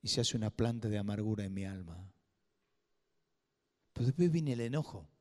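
A man preaching a sermon in a church, swinging from loud emphatic bursts to hushed asides. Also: fairly low pitch, lively intonation, normal speed. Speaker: pastor. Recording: long hall reverb.

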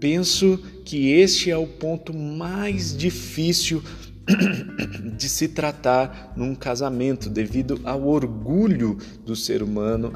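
Man, relationship advice talk, unhurried, measured counselling tone, reverberant room, faint guitar music. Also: mid-range voice, darkish tone. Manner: measured, counselling tone with hesitant restarts.

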